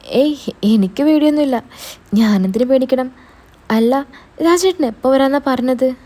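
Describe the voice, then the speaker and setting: A sly, bossy young man, as a woman storyteller puts him on talks in a casual, teasing way. The voice stays mellow and a little high. It is plainly the reader's own everyday voice with no disguise. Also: moderate pace. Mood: defensive. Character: young adult man, scheming, quick-tempered with sister.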